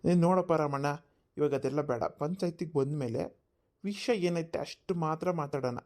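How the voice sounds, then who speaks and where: A woman voicing a calm middle-aged male village council elder who presides in a measured way in a cartoon. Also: low voice, lightly acted. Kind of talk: cartoon voice acting.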